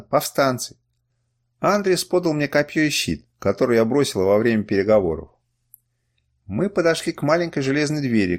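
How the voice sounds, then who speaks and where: A man reading a first-person adventure novel aloud with an expressive, dramatic delivery. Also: medium pitch. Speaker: audiobook reader.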